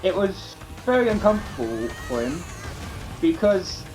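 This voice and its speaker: A British man chatting casually over voice chat while playing a racing game, rambling and excitable. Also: sits high, moderate pace. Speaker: gamer in voice chat. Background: racing game music.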